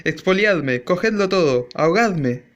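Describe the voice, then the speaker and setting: Casting: a man playing a miserly old father in a rage, shrill, yelling, storybook reading. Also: sing-song, measured pace, highs cut off, exaggerated voice. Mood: furioso. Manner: shrill furious shouting. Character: furious stingy old father, shouting.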